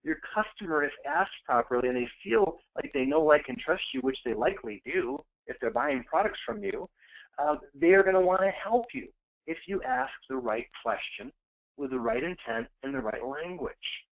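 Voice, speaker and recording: A man's voice: fairly high pitch, moderate pace. Upbeat man coaching on a lo-fi call. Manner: energetic, coaching, acts out quoted customers. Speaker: sales trainer. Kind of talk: webinar training talk. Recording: dull lo-fi call audio.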